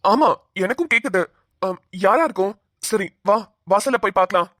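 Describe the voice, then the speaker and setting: A woman voicing a kind young man in a cartoon who calms and reassures others. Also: medium pitch, normal speed, dry recording, studio quality. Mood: reassuring. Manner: soothing, reassuring. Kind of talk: cartoon voice acting.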